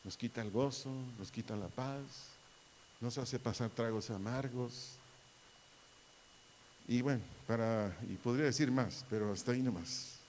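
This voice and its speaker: A man's voice: medium pitch, measured pace, darkish tone, a little hiss or hum. A middle-aged man with a Mexican Spanish accent preaching a sermon, repeating his phrases and calling on the sons and daughters. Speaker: pastor. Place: church hall. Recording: hall reverb.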